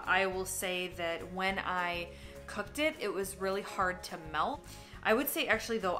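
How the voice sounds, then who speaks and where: A vlogger with a bright, forceful, mid-range voice chats casually while taste-testing food. She is candid and talkative, sometimes speaking with her mouth full.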